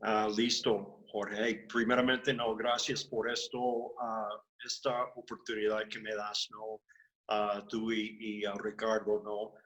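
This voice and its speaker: A man from the United States, a missionary pastor, answering interview questions hesitantly with drawn-out fillers and self-deprecating humor. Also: lowish voice, level tone, a bit bright, rough recording.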